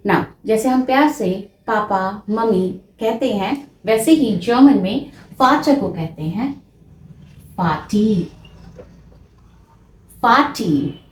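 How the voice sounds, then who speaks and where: A woman teaching German, drawing out each German word slowly and switching quickly into Hindi for her explanations. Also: fairly high pitch. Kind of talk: slow, deliberate language lesson. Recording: echoey room.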